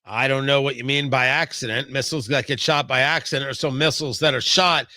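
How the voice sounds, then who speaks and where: A male talk radio host delivers an opinionated political monologue theatrically, leaning on emphatic repeats and dramatic pauses. His mid-range voice is bright and forceful with fairly even intonation, captured on a close studio mic with no room sound.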